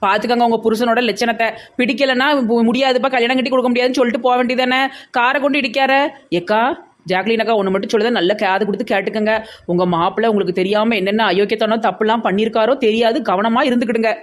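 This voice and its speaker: A woman's voice: on the high side, fairly even intonation, fast. A woman with a Tirunelveli Tamil accent in a village comedy sketch, talking insistently and gossiping.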